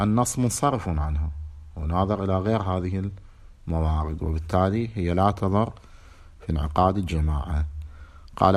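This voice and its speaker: A man with an Iraqi accent giving a lecture on a religious legal text, reading formal passages and then explaining them in colloquial speech with rhetorical questions. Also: low-pitched. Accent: Iraqi Arabic. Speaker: religious teacher.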